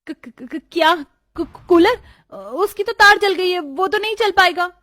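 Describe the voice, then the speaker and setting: A woman's voice: very high-pitched, brisk, fairly bright tone, voice pushed up. A woman voicing a timid young bride who stammers and makes excuses when she is questioned. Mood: stammering.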